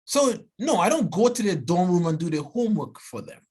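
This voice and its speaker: With a husky, high-pitched voice at a moderate pace, a Trinidadian biology professor in his forties presents a seminar talk full of earnest energy. His accent is thick, and he often begins again mid-thought and tags on "right?"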